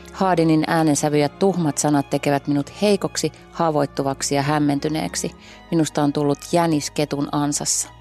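A woman's voice: deep voice, creaky, a little mellow. A woman guest on a podcast, talking in a thoughtful way and searching for words as she reads aloud and reflects. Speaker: guest journalist. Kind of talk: casual podcast chat and reading aloud.

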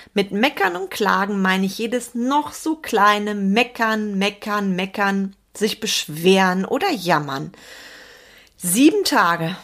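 A woman hosts a solo motivational podcast for business owners, earnest and emphatic. She leans on key words and repeats them to drive a point home. Her pitch sits in the middle for a woman. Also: a bit bright. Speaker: podcast host and business coach.

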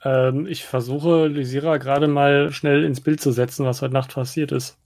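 Creaky-voiced, hesitant man in role-play. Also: medium pitch, fairly even intonation, normal speed, darkish tone, no echo. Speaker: tabletop game player. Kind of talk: casual, improvised role-play talk.

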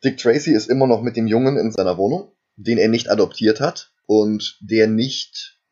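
Husky man dryly retelling a film plot. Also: lowish voice, moderate pace, darkish tone, lo-fi sound. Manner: retells the plot at length, dry asides. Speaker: podcast co-host recapping a film. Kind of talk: casual chat.

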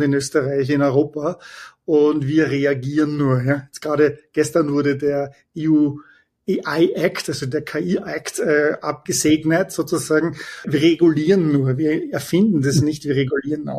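Middle-aged Austrian man with a Viennese accent, husky tone; calm, explanatory podcast guest. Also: fairly high pitch. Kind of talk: conversational interview.

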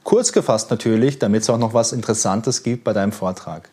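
Man, interview host, low voice, curious questions, casual. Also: fairly quick, mellow, husky. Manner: friendly, curious questioning with fillers.

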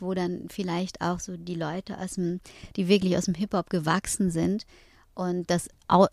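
A middle-aged woman from northern Germany, talking as an interview guest in a thoughtful way, pausing often with fillers. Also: lowish voice, darkish tone, no room sound. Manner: thoughtful, with many hesitations and fillers. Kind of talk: reflective conversation.

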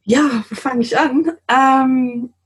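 A woman's voice: high-pitched, fairly even intonation, takes it slowly, slightly rough. A woman in her forties from London with an English accent, talking in German as an interview guest, giggly and hesitant with many fillers. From London, England. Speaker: guest, translator. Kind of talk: casual interview chat.

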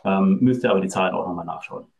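A man's voice: low voice, fast talker, vocal fry, a little mellow. A middle-aged man from Germany, a guest in a casual interview, speaking hesitantly with many fillers.

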